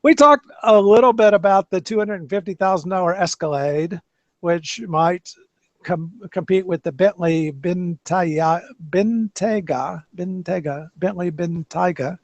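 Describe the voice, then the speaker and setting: This podcast host talks about cars in a relaxed, meandering way, frequently starting his sentences over. He speaks at a measured pace in a high-pitched voice, and the dry audio has a dull, lo-fi character.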